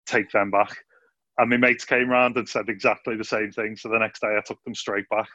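A man's voice: lowish voice, flat delivery, fairly quick, pushed and bright, no echo. A man hosting a casual youth video call interview from his living room, chatty and upbeat. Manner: chatty, upbeat, calls people mate. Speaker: youth ministry host. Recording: dry, dull lo-fi video call audio.

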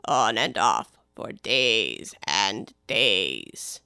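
A woman voicing a slow, imperturbable male footman in a storybook reading, with a very slow, deep drawl. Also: very animated, creaky, bright, forceful tone, clear, resonant tone, no room sound, studio quality, heavily acted. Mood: deadpan drawl. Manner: very slow, deep, dragging delivery. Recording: noisy with clicks.

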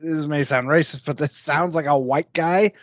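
A man's voice: fairly high pitch, moderate pace, dry recording, dull audio. A man co-hosting a podcast in casual chat, rambling with lots of "like" fillers. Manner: rambling, heavy use of "like". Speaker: podcast co-host.

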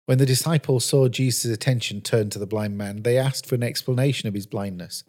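Man, sermon narration, measured storytelling, earnest, mid pitch. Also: darkish tone. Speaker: preacher.

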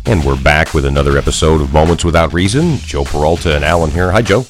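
A man's voice: very deep voice, fast talker, music in the background. A man co-hosting a podcast in a casual, easygoing, joking chat. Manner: easygoing, joking, laughs often. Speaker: podcast co-host.

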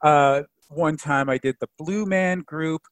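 A man chatting casually as a podcast guest, telling anecdotes in an animated, jokey way. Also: fairly high pitch, measured pace, no room sound. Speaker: podcast guest, microbiology expert.

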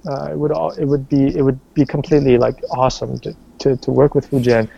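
With a level, warm tone that is creaky and husky, a male stage and screen actor talks briskly as an interview guest. He has a bass singing voice and rambles casually, using lots of fillers and restarts. The recording is dull and lo-fi.

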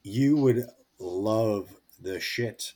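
A man chatting as a podcast guest, rambling and halting with many restarts. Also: lowish voice, warm tone. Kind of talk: casual chat.

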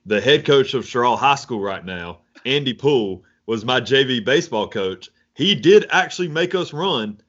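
A man's voice: mid-range voice, lively intonation, moderate pace, few pauses, fairly bright tone. A young man co-hosting a podcast, rambling casually with lots of fillers. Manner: rambling, many "like"s, laughs easily. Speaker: podcast co-host, coach. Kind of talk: casual chat. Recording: dull lo-fi audio.

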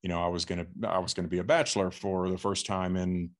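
A middle-aged man from Texas telling his life story as a podcast guest, halting with many fillers and restarts. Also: deep voice, flat delivery. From Texas, USA. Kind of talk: casual interview storytelling.

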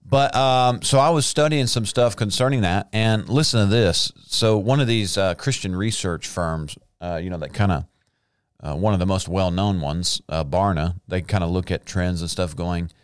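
Brief: lowish, smooth-voiced man, earnest devotional talk, dry close sound. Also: moderate pace, no echo. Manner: earnest, conversational, reads statistics aloud.

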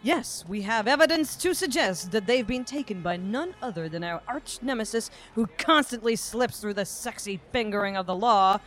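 A woman's voice: a little high, animated, normal speed, few pauses, fairly bright tone, soft background music. Woman playing a blustering Aussie police chief. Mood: melodramatic. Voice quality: melodramatic, swears "god damn it" often. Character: Zoe, bossy hardboiled female police chief. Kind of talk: improvised comedy radio drama.

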